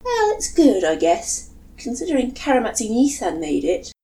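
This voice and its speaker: A woman's voice: a little high, huge pitch swings, moderate pace, mellow, voice pushed up. Woman voicing a whiny, sassy youngest brother. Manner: exasperated, snippy.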